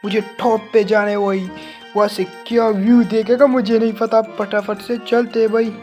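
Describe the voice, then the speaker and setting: Man, gaming host, high voice, excitable play-by-play with yelps and repeated words, faint music behind. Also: normal speed. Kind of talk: excited let's-play commentary.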